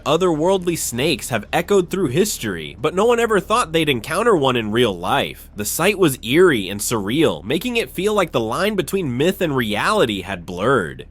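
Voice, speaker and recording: A man's voice: fairly high pitch, a bit bright. A man delivering scripted nature documentary narration in a dramatic manner.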